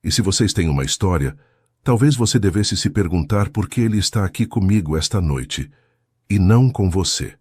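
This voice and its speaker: A man voicing a young woman who answers calmly and firmly. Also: sits low, normal speed, husky, no echo, studio quality. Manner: calm, firm. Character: young woman student, composed and proud.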